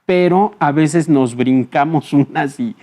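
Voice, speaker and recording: A man, a psychologist guest explaining things calmly in an interview, often pausing on fillers and checking in with short tag questions. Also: a little high. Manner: frequent filler hesitations.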